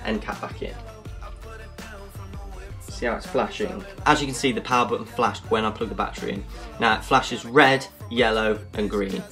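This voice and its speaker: A man's voice: on the low side, fairly bright tone. Chatty man reviewing a gadget. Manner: chatty, jokey, explanatory. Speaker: product reviewer. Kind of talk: casual product review.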